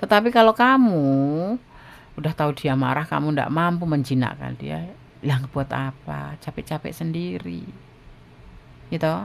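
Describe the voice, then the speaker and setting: A man with a gravelly, creaky voice talks straight to his viewers. He gives blunt, frank relationship advice in a loose, chatty monologue. A faint hiss sits under his voice. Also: a little high, steady tone, normal speed. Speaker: tarot reader giving love advice.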